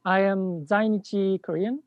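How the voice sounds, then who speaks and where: A man's voice: sits high, steady tone, measured pace, no echo. Man from Japan on dull lo-fi audio. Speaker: guest, social entrepreneur. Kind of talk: interview answer.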